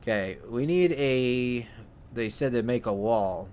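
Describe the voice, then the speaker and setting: A man casually commenting while he plays a video game, thinking out loud and often correcting himself. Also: mid-range voice, slow pace, a little hiss or hum. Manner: rambling, self-correcting, thinking aloud. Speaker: let's play host.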